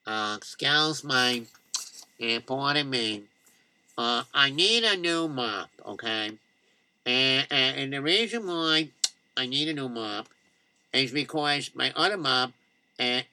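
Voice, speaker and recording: Timid muddled male customer, low and mumbly, stammering, as a storyteller puts him on; dry. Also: lively intonation, slow, pushed and bright, no room sound, exaggerated voice. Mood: confused. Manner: hesitant, stammering.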